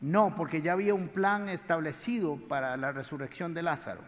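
A man preaching a sermon, telling the story in a lively, colloquial way full of slang. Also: fairly high pitch, fairly quick. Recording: echoey hall.

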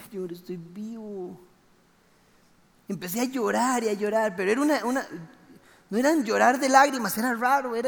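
High-voiced man in a hall. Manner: animated, acts out the dialogue. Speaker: speaker giving a testimony. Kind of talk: storytelling testimony. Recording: reverberant hall.

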